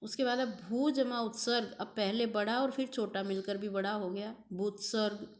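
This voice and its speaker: A woman's voice: medium pitch, steady tone, moderate pace. A woman teacher giving a recorded grammar lesson, drawing out examples and repeating key terms.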